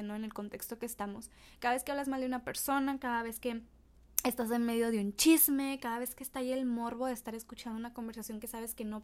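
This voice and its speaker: Woman doing a faith podcast, kinda high voice, earnest and encouraging. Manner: earnest and encouraging, addressing listeners directly. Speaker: podcast host. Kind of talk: devotional podcast talk.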